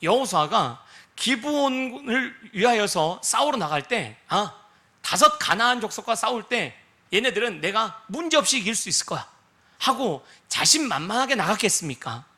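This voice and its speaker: A male pastor preaching with a high, bright, ringing voice. He keeps asking his congregation rhetorical questions and checks in with them as he goes. He slips into quoted voices to act out little scenes. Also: very animated, moderate pace, breathy edge. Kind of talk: sermon.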